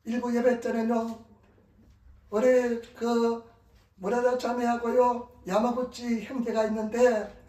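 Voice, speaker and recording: A male pastor delivers an emphatic sermon, urging his listeners again and again. His voice sits very high and sounds mellow rather than bright. It carries through an echoey church hall, picked up from some distance off the mic. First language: Korean, preaching in Korean in Japan. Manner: emphatic, repetitive exhortation. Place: church sanctuary.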